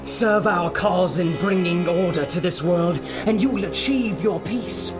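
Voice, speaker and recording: An imperious cult villain. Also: male voice, high voice, measured pace. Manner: formal, imperious pronouncements. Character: ruthless male cult leader, cold and domineering. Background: music.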